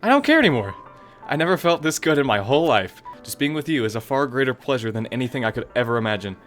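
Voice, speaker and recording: A man reading a shy bookish girl's lines aloud in a game playthrough, in a soft, low, intense voice. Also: fast talker, soft background music, lightly acted. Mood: obsessive. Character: shy bookish teen girl turning obsessive.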